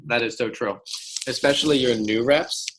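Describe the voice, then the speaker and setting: A man's voice: mid-range voice, moderate pace, background noise. A man leading a group sales training, trading jokes and sarcasm with the group before giving upbeat instruction. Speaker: sales team leader running a training.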